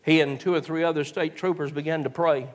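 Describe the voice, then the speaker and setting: A male preacher, telling folksy stories in a sermon and rising into shouted exhortations. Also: fairly high pitch, fairly even intonation, brisk. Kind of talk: sermon with storytelling.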